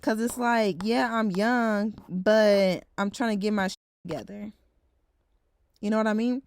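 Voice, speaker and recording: A woman's voice: mid-range voice, steady tone, unhurried, dry recording, clean studio sound. A woman around twenty, talking frankly in a casual vlog, swearing now and then and saying "like" a lot. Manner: heavy use of filler "like". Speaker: vlogger.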